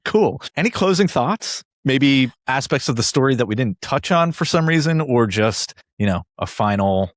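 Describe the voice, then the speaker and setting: Mid-pitched podcast host man, dry. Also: animated, normal speed, dry recording. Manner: brief, encouraging interjections and questions. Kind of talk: casual interview.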